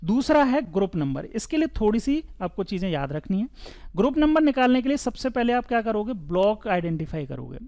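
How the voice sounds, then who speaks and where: Male teacher, clear smooth voice, board lesson, asks and answers his own questions, chatty. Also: high-pitched, big pitch swings, a little fast, mellow. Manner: casual, chatty classroom tone. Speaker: chemistry teacher.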